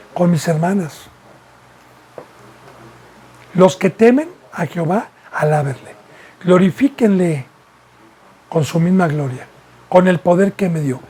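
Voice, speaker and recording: A man's voice: high-pitched, moderate pace, dark tone, a little hiss or hum. A man from Mexico, preaching a sermon as a pastor and asking repeated rhetorical questions. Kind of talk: sermon teaching.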